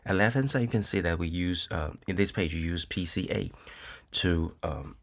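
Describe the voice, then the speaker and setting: In this recorded lecture with a screen demonstration, a Taiwanese male university lecturer talks slowly in a deep voice. His delivery is hesitant and full of ums and uhs, punctuated by frequent "okay?" checks.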